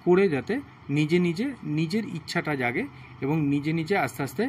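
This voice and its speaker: Male physiotherapist, a little higher than most men, slow and repetitive instruction, faint room noise behind. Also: animated. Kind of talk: home exercise demonstration.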